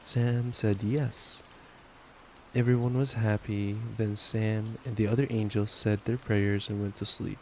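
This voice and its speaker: The voice belongs to a young man doing intimate boyfriend ASMR and bedtime reading. It's on the low side and unhurried, warm, casual and playful in tone. Steady rain noise runs through the low-quality recording.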